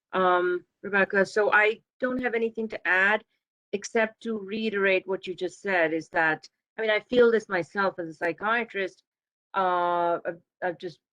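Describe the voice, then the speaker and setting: A woman's voice: medium pitch, fairly bright tone, low-quality recording. A woman psychiatrist speaking on a panel over a video call, candid and thoughtful. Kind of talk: professional panel discussion.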